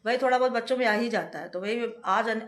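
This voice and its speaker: A woman's voice: fairly high pitch, fairly quick, a bit bright. A woman, a mother, talking casually to camera at home in a chatty way, and sometimes scolding her kids. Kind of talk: casual home vlog narration. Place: indoors at home. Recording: echoey room with faint noise.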